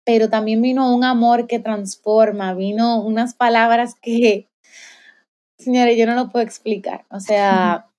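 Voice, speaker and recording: A woman's voice: a little high, fairly even intonation, a little slow, a little mellow. A young woman giving a heartfelt personal faith testimony in conversation, with many fillers and restarts. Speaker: guest sharing a faith testimony.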